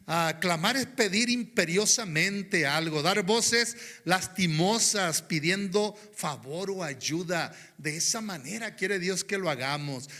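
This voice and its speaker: A male pastor preaching a sermon, often stopping to address his "brothers" and saying amen, moving between quiet, low passages and loud, high exclamations. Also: animated, slow pace, hardly any pauses. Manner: rhythmic preaching, often inserts "hermano, ¿verdad?" and "Amén".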